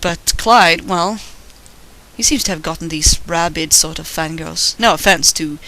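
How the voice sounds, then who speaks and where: Bright, squeaky thin-voiced drawing tutorial narrator. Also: unhurried, poor audio. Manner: informal, rambling, self-deprecating, mild swearing. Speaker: artist narrating drawing process. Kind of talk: casual drawing tutorial commentary.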